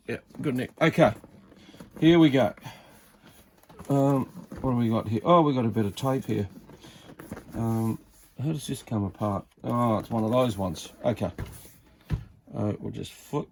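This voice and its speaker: A man with a fairly low, slightly mellow voice mutters to himself through a casual, informal unboxing. He's a hobbyist who reviews vintage CB radios, and the recording has clear background noise and handling clicks.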